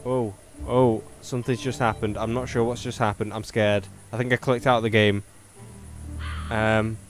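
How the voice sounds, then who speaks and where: A man's voice: on the low side, flat delivery, normal speed, soft background music. A man giving chatty, jokey let's-play commentary as he plays a spooky game, talking to himself. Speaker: gaming youtuber.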